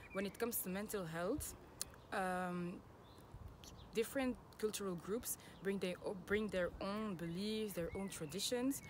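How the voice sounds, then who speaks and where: A woman in her twenties from Belgium presents earnestly in a steady mid-range voice. She is filmed outdoors on a phone, with clear ambient noise behind her. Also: medium pitch. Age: 20s. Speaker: student presenter. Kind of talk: class presentation.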